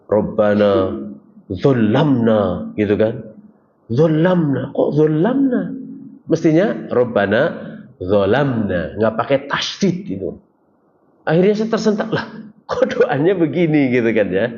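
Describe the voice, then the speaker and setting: A man's voice: mid-range voice, a little mellow. A man preaching a casual religious lecture, asking the audience questions and joking with them. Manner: conversational, jokes with the audience, asks them questions. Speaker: Islamic preacher. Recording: dull lo-fi recording with faint ambient noise.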